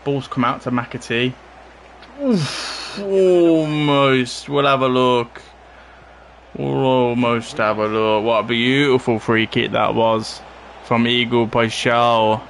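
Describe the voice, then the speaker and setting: A man's voice: mid-range voice, measured pace, gravelly, slight background noise. Man commentating his football game. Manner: casual running commentary, bursts of excitement at goals. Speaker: streamer playing a football game. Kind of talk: live gameplay commentary.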